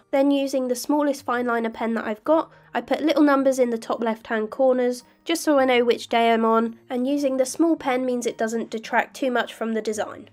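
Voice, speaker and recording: A young woman with a slightly croaky voice from illness, calmly narrating her journaling step by step. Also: a little high. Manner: calm, detailed step-by-step explaining. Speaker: bullet journal vlogger. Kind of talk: voice-over narration of crafting.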